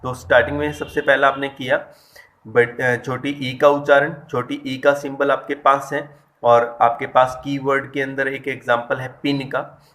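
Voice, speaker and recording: Monotone man teaching English phonetics. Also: mid-range voice, unhurried. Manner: explains step by step and addresses students directly; stresses and drawls out example words. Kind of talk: online lesson.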